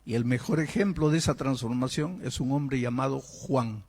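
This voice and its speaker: A man's voice: medium pitch, normal speed, creaky, a little mellow, husky. A man preaching a sermon. He asks rhetorical questions and acts out imagined voices. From Peru. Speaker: pastor.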